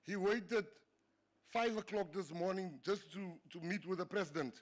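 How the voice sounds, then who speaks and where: In a banquet hall, a man whose first language is Afrikaans delivers a funny after-dinner speech at normal speed, his voice sitting high. This South African government minister tells stories and chuckles at his own jokes.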